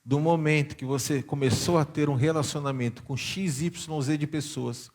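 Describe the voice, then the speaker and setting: This Brazilian bishop from São Paulo has a fairly high, steady, somewhat mellow voice and keeps a moderate pace. In church, he reads passages of scripture, breaks off to explain them, and asks the congregation questions, his accent marking him as a Paulistano.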